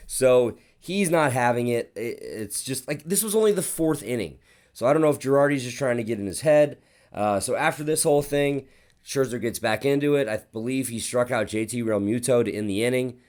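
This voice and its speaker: A man hosting a sports podcast, telling stories in a casual, rambling way with plenty of swearing. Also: fairly low pitch. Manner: profane, rambling, animated storytelling. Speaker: podcast host.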